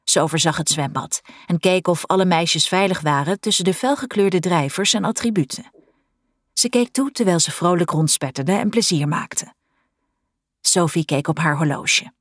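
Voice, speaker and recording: A woman reading an audiobook aloud in an expressive storytelling manner. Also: fairly low pitch, moderate pace, no echo, studio quality. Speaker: narrator. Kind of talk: audiobook narration.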